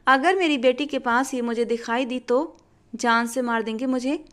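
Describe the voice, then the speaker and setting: A woman's voice: a little high, normal speed, fairly bright tone, close to an everyday voice. A woman voicing an angry young father who speaks in a cold, clipped, threatening way while telling a story. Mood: cold anger.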